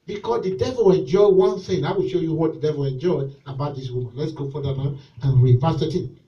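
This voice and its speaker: A man preaching at a church service with a noticeably high voice. He leads call-and-response lines and swings from shouted exhortation to soft pleading. The sound is picked up from some distance away. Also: brisk, highs cut off. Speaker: pastor.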